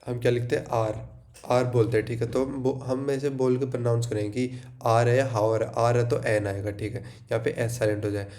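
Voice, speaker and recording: A man's voice: medium pitch, level tone, moderate pace, a little mellow. A young Indian man giving an exam revision lecture, mixing in English and often asking and then answering his own questions. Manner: checks in with frequent "theek hai", asks and answers own questions. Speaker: teacher.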